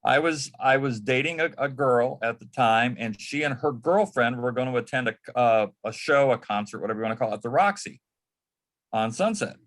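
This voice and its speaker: An older man from the Detroit area of the United States chats casually as an interview guest, telling anecdotes. His voice is medium-pitched and fairly bright, his pace a little fast, and he often repeats words as he gets going.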